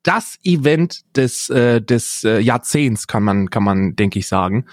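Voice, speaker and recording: A man trading jokes as co-host of a loose podcast chat, playfully mimicking other people along the way. His voice sits at an ordinary middle pitch. The sound is dry and close, with no room echo. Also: lively intonation, unhurried. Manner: jokey, mimics voices and accents. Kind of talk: casual banter.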